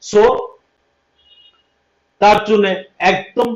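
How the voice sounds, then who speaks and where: A man's voice: sits high, flat delivery, drawn-out words. A man teaching a livestream lesson, explaining step by step, repeating points and checking that students understand. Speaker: English teacher. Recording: echoey room, dull lo-fi sound.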